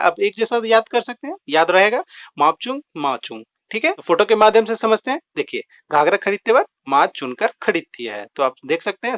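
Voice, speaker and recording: A man with a fairly high, animated voice walks learners through a quiz lesson on exam facts. He keeps saying "friends" and "okay" as he explains rhyming memory tricks. The recording is dull and lo-fi. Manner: repeats filler words like "dosto" and "theek hai"; explains with rhymes and mnemonic tricks. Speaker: GK quiz teacher.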